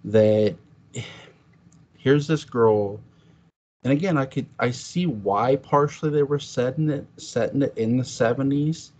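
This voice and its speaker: A man's voice: mid-range voice, unhurried, darkish tone. A man chatting as a podcast guest, telling stories animatedly and acting out his own reactions in quotes. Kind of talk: casual chat. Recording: dull lo-fi sound.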